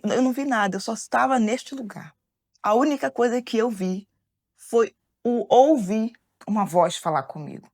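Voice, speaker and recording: A woman from Brazil giving an emotional, halting personal testimony for a documentary. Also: medium pitch, darkish tone. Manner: emotional, halting, reenacting what was said. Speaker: documentary interviewee.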